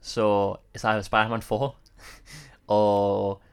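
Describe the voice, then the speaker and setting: Lowish voice dude on a movie podcast, sarcastic, jokes around. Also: male voice, level tone, slow, gravelly, smooth. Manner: sarcastic, joking, mocking. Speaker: podcast co-host. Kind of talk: casual film chat.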